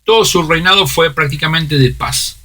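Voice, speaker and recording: A man's voice: fairly high pitch, normal speed, pushed and bright. A man with a Rioplatense Spanish accent, preaching a sermon and reading scripture aloud, with many fillers and restarts.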